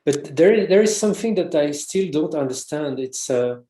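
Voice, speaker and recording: A fairly high-pitched, mellow, expressive voice speaks at normal speed in a reverberant room. It belongs to a French researcher and author, a guest in a casual interview, whose French-accented English is hesitant and full of restarts.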